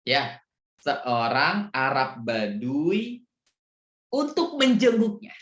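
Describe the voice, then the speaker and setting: A man teaching a religious story lesson to children, speaking slowly and animatedly and asking them questions. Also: medium pitch, very animated, a bit bright. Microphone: video call. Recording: echoey, dull video call audio.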